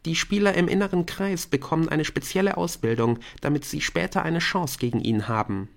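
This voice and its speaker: A man's voice: sits high, big pitch swings, unhurried, voice pushed up, heavily acted. Bryn, a man putting on a clingy teenage girl. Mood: whispering.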